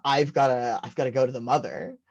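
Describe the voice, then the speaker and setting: A man's voice: medium pitch, steady tone, a little fast, a little mellow, lightly acted. A man voicing a nosy young man who awkwardly fishes for answers about a family secret, on a slightly dull recording. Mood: scheming. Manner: awkward, fishing casually for answers.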